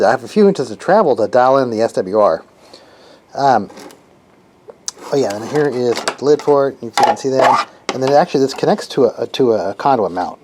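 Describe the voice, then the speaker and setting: A man giving a casual, unscripted how-to as a hobbyist builder, halting and thinking aloud while he works with his hands. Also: medium pitch, darkish tone, slight background noise.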